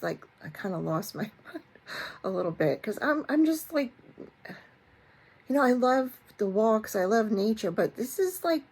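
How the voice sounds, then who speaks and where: A woman with a slightly low voice tells a story straight to her viewers in a loose, chatty way. She stops and restarts her sentences and fills the gaps with "you know" and "like". Her humor is self-mocking. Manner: chatty and animated, with many fillers and restarts. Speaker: vlog host. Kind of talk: casual storytelling chat to camera.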